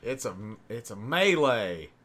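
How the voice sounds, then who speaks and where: A man with a Boston accent doing excitable, profane commentary as a podcast co-host watching wrestling, laughing often. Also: mid-range voice, a little slow.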